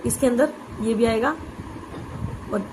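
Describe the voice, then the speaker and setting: A woman teaching an exam-prep grammar lesson, explaining patiently, saying "okay" often and spelling out letters slowly. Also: a little high, background noise.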